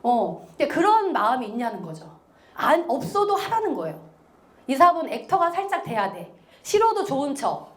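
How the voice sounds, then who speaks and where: A high-pitched woman lectures a seminar with a very lively, swinging delivery. She acts out little quoted remarks as she goes and laughs often. Her voice rings around an echoey lecture room. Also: moderate pace.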